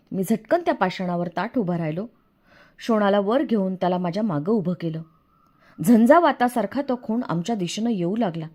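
A woman narrating a novel in the first person, in an expressive storytelling manner. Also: mid-range voice. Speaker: audiobook narrator.

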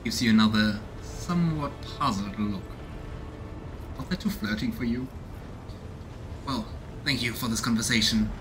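A man in his thirties, speaking in a mid-range voice at moderate pace with long pauses, hosts a let's play, casually musing and reading game text aloud. Music plays in the background, and game ambience fills the noisy recording from his small home room.

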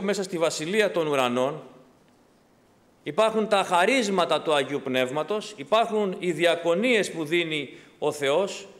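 A man's voice: high voice, a bit bright. A male pastor delivering an impassioned sermon, asking rhetorical questions and answering them himself. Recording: long hall reverb.

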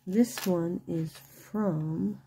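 Indoors over a wooden table late at night, a middle-aged woman quietly shows off her things, chatting unscripted and repeating herself in a murmur. She speaks very slowly in a lowish, husky, croaky voice with fry, keeping it down while others sleep, with background noise present.

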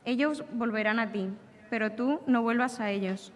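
A woman serving as lector at Mass, reading scripture and a psalm in a measured, solemn way, her voice carried by a long, church-like reverb. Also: on the high side. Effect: long cathedral-like reverb. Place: large shrine chapel. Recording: echoey shrine chapel reverb.

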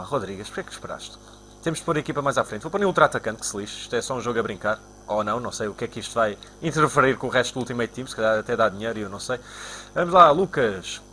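A young man from Portugal with a European Portuguese accent, commentating his own football video game live and shouting at his players. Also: slight background noise. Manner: excitable, shouts at players and spikes into high-pitched cries. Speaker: gaming YouTuber.

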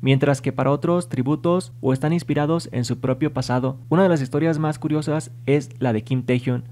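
Male news voice-over, slightly high, mellow tone, even scripted read. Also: brisk. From Spanish-speaking. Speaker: K-pop news narrator.

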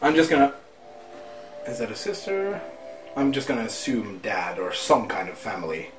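A man's voice: medium pitch, big pitch swings, moderate pace, echoey room, soft background music, low-quality recording. A man hosting a casual game reaction, talking hesitantly with lots of fillers, recorded on a phone camera in a room at home. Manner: hesitant, full of fillers, laughing. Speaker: host. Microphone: phone camera held by a friend.

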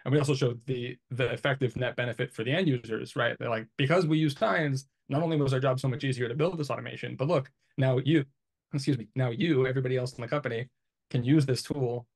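On a video call from his small home office, an IT engineer in his thirties answers interview questions, explaining things in a relaxed, conversational manner as he thinks out loud. He talks fast in a mid-range voice with fairly even intonation.

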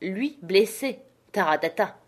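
A brisk country doctor gives orders calmly and waves off alarm, read by a woman narrator. The tone stays matter-of-fact and firm, close to a plain reading voice. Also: medium pitch.

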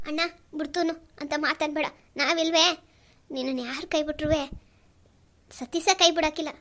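A woman's voice: sits high, steady tone, moderate pace, a bit bright. A woman voicing a pious, devoted older sister in a cartoon, emotional and full of blessings. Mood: tearful. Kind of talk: cartoon voice acting.

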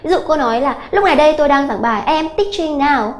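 A woman English teacher giving an exam-prep grammar lesson, explaining slowly and repeating key points with many hesitant fillers. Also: high voice, lively intonation. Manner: slow, repetitive explaining with many filler "à" sounds.

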